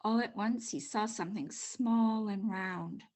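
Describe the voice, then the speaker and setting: An older woman narrating a children's storybook aloud in an expressive, measured way. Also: medium pitch. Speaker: storybook reader.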